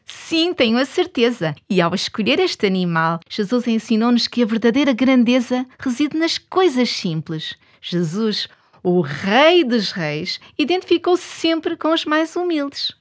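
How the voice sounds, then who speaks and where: A woman with a European Portuguese accent presents a children's programme. Her voice sits fairly high, and she tells scripted Bible stories expressively, addressing the young audience directly. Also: sing-song, a little slow. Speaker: children's programme host and storyteller.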